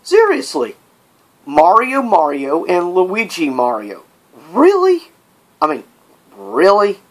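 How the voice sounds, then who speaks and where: A man hosts a casual, opinionated top-list vlog, rambling off on tangents and firing off exasperated rhetorical questions. His voice is high-pitched and takes huge swings in pitch, and he speaks slowly.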